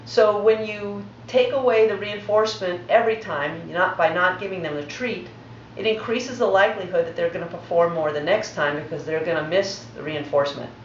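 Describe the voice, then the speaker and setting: A woman's voice: on the low side, fairly quick, slight background noise. A woman dog trainer giving a patient, methodical demonstration lesson. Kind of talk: instructional demonstration. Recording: roomy, distant, dull recording.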